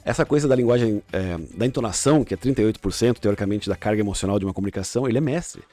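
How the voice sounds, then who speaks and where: A man's voice: lowish voice, racing, mellow, soft background music. A middle-aged man, a podcast guest coaching on communication, explaining with examples and frequent restarts. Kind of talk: casual podcast chat.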